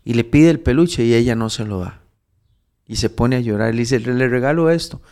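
A man tells a moral story in casual preaching talk, halting and restarting as he goes. He builds into emphatic, raised exhortation. His voice is dark and mellow, with a gravelly edge. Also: medium pitch. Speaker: devout storyteller giving spiritual counsel.

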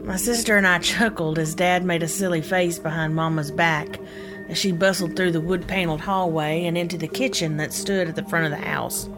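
Podcast storyteller: woman, middle-aged, lowish voice, folksy scripted narration, clear music underneath. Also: steady tone, fairly quick. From United States (Indiana, Kentucky). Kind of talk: scripted personal narration, ghost story memoir.

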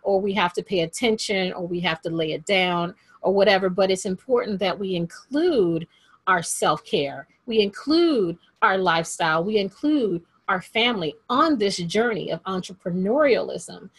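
A woman's voice: mid-range voice, lively intonation, moderate pace, breathy edge, no echo. A woman hosting a podcast interview, upbeat and chatty, repeating phrases for emphasis. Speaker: podcast host.

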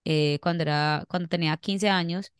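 A woman's voice: on the low side, steady tone, normal speed, smooth, no echo, clean studio sound. A young woman with a Colombian accent, chatting casually as a podcast co-host, rambling and laughing as she tells stories. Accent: Colombian Spanish. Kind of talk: casual chat.

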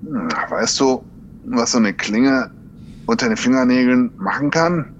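Mann als skrupelloser Kommissar mit normaler Männerstimme in mittlerer Lage, sachlich im Ton und kalt drohend. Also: male voice, medium pitch, measured pace, dull audio, a little hiss or hum, close to an everyday voice. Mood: menacing. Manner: plain, matter-of-fact, coldly threatening. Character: brutal, rule-breaking male police detective.

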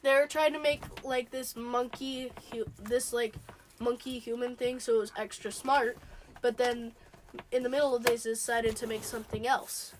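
A take-charge young survivor of the apocalypse, played by a woman barks orders and rambles through explanations. Her voice is a little high, and clear background noise hangs over this casual home skit. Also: fairly even intonation, moderate pace, close to an everyday voice. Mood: explaining. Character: bossy young woman survivor leading the group. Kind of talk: improvised home role-play. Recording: noisy home recording.

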